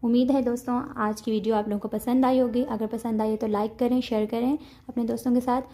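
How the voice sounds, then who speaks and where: A woman with an Urdu-speaking accent teaches vocabulary slowly and patiently, repeating each word. Her voice sits fairly high but sounds mellow and warm. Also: level tone. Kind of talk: language lesson.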